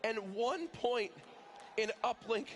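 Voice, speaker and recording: A man doing play-by-play esports commentary, excitable and building to shouts at big moments. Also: extremely high pitch, slow pace, slight background noise. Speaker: esports caster.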